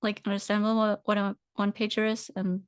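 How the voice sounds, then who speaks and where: A woman walks through a software demo on a video call, stopping often with fillers. Her voice is smooth and clear, and the sound is dry and close. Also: medium pitch, flat delivery, brisk, no echo. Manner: hesitant, many fillers, talks through on-screen steps. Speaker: guest presenter. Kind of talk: casual screen-share tutorial.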